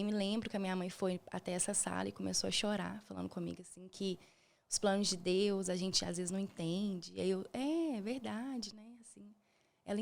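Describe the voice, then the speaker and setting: A Brazilian woman, a podcast guest, telling a painful personal story in a soft, halting way. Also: medium pitch, vocal fry. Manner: soft-spoken, halting, emotional retelling.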